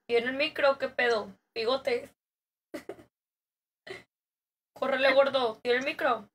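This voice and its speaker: Young Mexican woman, high voice, unhurried playful slangy streamer patter. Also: steady tone, a bit bright. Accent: Mexican Spanish. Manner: playful, slangy, laughing asides. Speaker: gaming streamer. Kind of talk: casual gaming stream chat.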